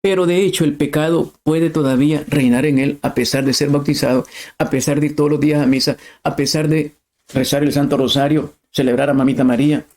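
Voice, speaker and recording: A man's voice: a little high, fairly even intonation, brisk, darkish tone. A middle-aged man preaching a sermon, impassioned and emphatic, rising to cries.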